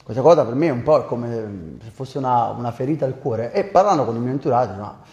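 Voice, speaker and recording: A man's voice: mid-range voice, lively intonation, fairly quick, darkish tone, highs cut off. A man from Campania with a Neapolitan accent, a singer explaining himself conversationally as an interview guest, with some hesitation. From Campania, southern Italy. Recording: roomy, echoing sound.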